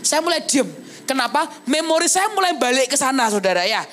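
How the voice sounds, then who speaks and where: A young adult woman evangelist giving a sermon at a church service. She tells her own story in a vivid, animated way and keeps turning to address the congregation. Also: high-pitched, a little fast, a little hiss or hum. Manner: animated storytelling, often addressing listeners as brothers and sisters. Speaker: evangelist preacher. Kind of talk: testimony sermon.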